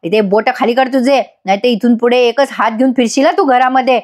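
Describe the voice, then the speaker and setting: A woman's voice: a little high, steady tone, fairly quick, a little mellow, lightly acted. A woman reading the lines of a determined young wife, firm and reassuring.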